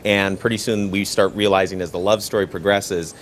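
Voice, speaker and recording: A man's voice: low-pitched, steady tone, a little fast, slight background noise. A man talking as a film director in a behind-the-scenes interview, telling stories with enthusiasm.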